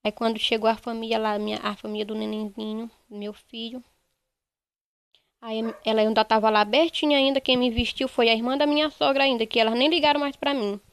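A young woman, giving a halting, repetitive first-person account in a news interview. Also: fairly high pitch, steady tone, clear, resonant tone. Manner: halting, repetitive retelling, quoting others. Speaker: interviewee, bereaved mother.

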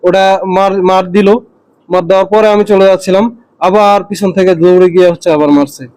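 High-voiced young man telling his story. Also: steady tone, brisk, a little mellow, rough recording. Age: young adult. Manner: earnest, rambling retelling with frequent restarts. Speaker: university student recounting an attack. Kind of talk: first-person spoken account.

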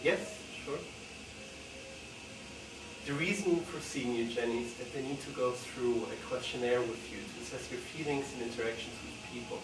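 A man reads survey items as questions in a measured voice. He sounds far from the microphone in an echoey room. Noise hums under him. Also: mid-range voice. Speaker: study participant interviewer. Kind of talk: reading a questionnaire. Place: VR cave room. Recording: echoey room, heard from afar, noisy.

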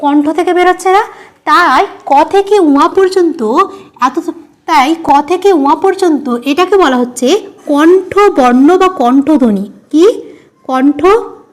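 A woman teaches a grammar lesson at a board in a high voice. She keeps asking her students questions and then answering them herself, repeating each key term so it sticks. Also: normal speed.

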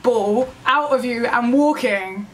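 A high-voiced woman reacting to a game trailer. She talks at an unhurried pace, then swings up into excited squeals and gasps. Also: background noise. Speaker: gaming vlogger.

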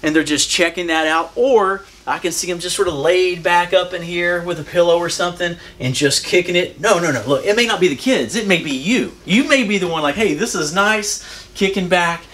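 A man's voice: sits high, brisk, a bit bright. A man in his forties, hosting a chatty, upbeat room-tour vlog inside a small ship cabin, recorded on the camera mic. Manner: upbeat, chatty, guiding the viewer around. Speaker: cruise vlog host.

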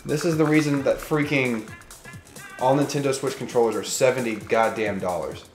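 A man with a nasal voice, chatting and joking casually while playing a party game, quick to swear and get excited. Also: medium pitch. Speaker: gameplay video host. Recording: roomy with game music behind.

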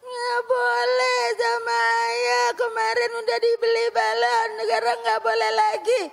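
A woman voicing a whiny little child who cries and shouts. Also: very high-pitched, flat delivery, measured pace, creaky, pitched above the performer's own voice, exaggerated voice. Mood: crying. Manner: tearful shouting and wailing. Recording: long reverb of a hall.

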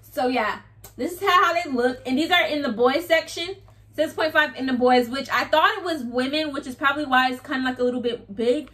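A woman's voice: high-pitched, fairly quick, far from the mic. A young woman telling a long story in a casual haul vlog, acting out the dialogue as she talks to her viewers. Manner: animated storytelling, acts out dialogue. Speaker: vlogger.

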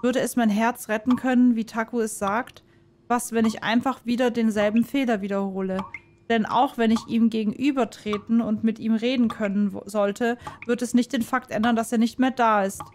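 Soft-voiced woman reading a story game. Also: a little high, fairly even intonation, normal speed, slight background noise. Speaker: let's player reading a visual novel. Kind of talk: expressive first-person game narration.

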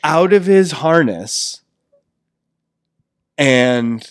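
A man's voice: fairly high pitch, extremely slow, clean tone, no room sound, clean studio sound. A man in his thirties co-hosting a podcast, telling a family story in casual chat and acting out what people said. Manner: animated storyteller, acts out quotes. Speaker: podcast co-host.

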